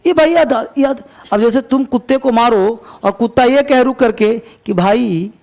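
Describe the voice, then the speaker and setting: High-pitched, gravelly male teacher. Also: a little mellow. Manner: slow, deliberate reading of English lines, quicker asides. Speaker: English teacher. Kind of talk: reading a story aloud and explaining it line by line. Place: coaching class.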